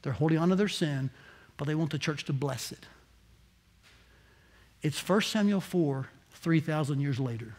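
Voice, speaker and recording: A male pastor preaching a direct sermon in a church, moving between quiet asides and shouted emphasis. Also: a little high, moderate pace, long pauses. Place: church sanctuary.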